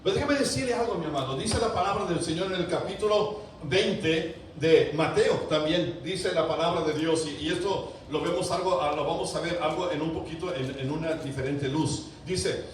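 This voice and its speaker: Man, pastor preaching, fervent, loud peaks then quiet, rhetorical questions, fairly high voice, heavy church echo, heard from far off. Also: moderate pace, few pauses. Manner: asks the congregation rhetorical questions. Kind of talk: sermon. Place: large church sanctuary. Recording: very echoey church, voice from a distance, faint room hiss.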